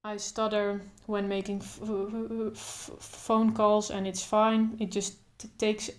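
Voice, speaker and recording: A young vlogger talks casually to camera in a slow, level voice with little pitch variation. She stutters openly, repeating first sounds and pausing in blocks, yet carries on calmly in short, thoughtful phrases.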